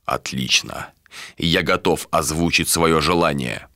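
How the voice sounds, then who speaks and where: A man reading an audiobook voices a cold, contemptuous male ruler in a low, measured voice. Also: sharp tone, no room sound, studio quality, full character voice. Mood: cold, commanding.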